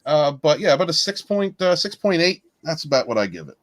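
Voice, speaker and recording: A man's voice: fairly high pitch, sing-song, fairly quick, no echo. An easygoing man rambling through his take on a podcast panel. His voice is close and dry, with no room sound around it. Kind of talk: casual chat.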